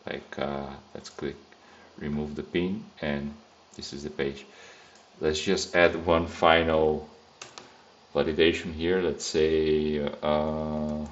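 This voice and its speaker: This Brazilian-accented software test engineer, a native Brazilian Portuguese speaker, narrates a screen-recorded coding tutorial in English with a very deep, flat, slow voice. He muses casually with many fillers and restarts, and the recording has its highs cut off plus slight background noise.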